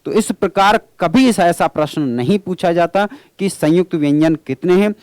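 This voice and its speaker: A man's voice: sits high, normal speed, darkish tone, no room sound. A male teacher giving an exam-prep grammar lecture. He asks questions and answers them himself, and he calls his listeners friends.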